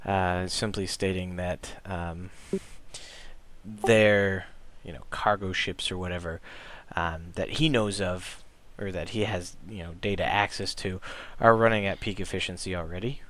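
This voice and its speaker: Rambling low-voiced young game master. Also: male voice, steady tone, a little slow, fairly bright tone. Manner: rambling, full of ums and restarts. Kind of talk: narrating a tabletop game.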